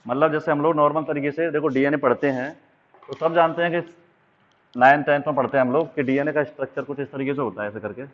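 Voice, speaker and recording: This man's voice runs fairly high and quick as he preps students for a biology exam. He draws diagrams while explaining and checks in frequently, and the recording has a tinny, telephone quality.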